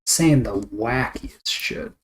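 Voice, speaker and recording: A man chatting casually to viewers on a livestream while drawing, with a flat, deadpan delivery. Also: medium pitch, slow pace, poor audio. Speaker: streamer.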